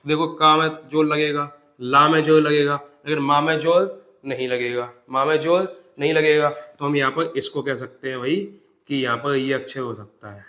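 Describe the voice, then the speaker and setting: A man teaching an exam-prep grammar lesson, explaining step by step and repeating example words slowly. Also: mid-range voice, fairly even intonation, pushed and bright. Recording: echoey room.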